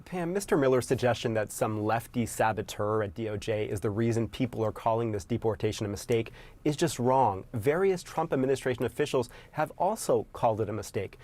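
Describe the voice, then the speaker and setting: A man's voice: medium pitch, expressive, darkish tone. Methodical male news fact-checker. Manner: brisk, methodical, enumerating points. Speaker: senior reporter, fact-checker.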